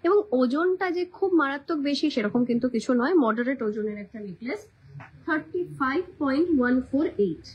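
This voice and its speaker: Chatty high-voiced Kolkata Bengali woman. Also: animated, a little fast, muffled recording, slight background noise. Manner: chatty, repeats every weight and price twice. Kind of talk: casual live-stream sales chat.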